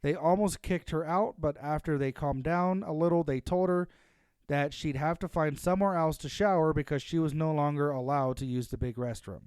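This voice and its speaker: A man's voice: a little high, moderate pace, a little mellow, clean tone, no room sound, clean studio sound. A man co-hosting a casual chat show, reading a story aloud and joking between lines. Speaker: podcast host reading stories.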